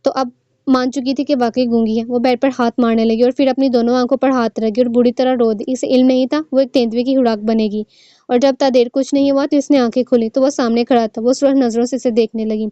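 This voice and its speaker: Woman narrator for novel reading, slightly high, mellow, dry and dull sound. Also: steady tone, fairly quick, no room sound.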